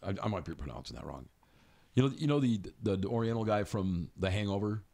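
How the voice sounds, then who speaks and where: A man's voice: fairly low pitch, lively intonation, quick pace, crowd noise. A man hosting a talk show, talking loosely and crudely with plenty of swearing. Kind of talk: casual talk-show banter. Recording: clear background noise.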